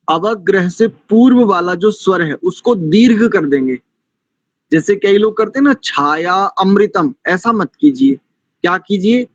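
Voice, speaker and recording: A man teaching Vedic mantra pronunciation, who chants verses slowly and then corrects his students patiently. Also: high voice, dry recording, highs cut off. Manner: admonishing, didactic. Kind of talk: recitation lesson with slow mantra chanting.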